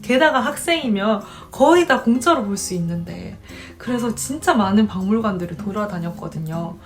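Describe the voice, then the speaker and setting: A woman in her twenties telling stories casually to her viewers, chatty and animated, acting out the people she met. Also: medium pitch, normal speed, faint music behind. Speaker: vlogger. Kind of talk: casual storytelling to camera.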